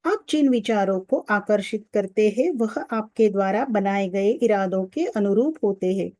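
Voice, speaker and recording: Reading a spiritual audiobook, a woman speaks in a steady, even, unhurried mid-range voice. She's recorded close to the mic in a studio booth with no echo.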